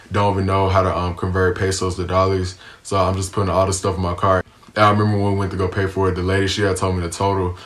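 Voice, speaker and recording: A young American man tells a casual storytime for his vlog in a low voice, keeping his delivery flat and even. He's laid-back and slangy, dropping plenty of ums as he goes.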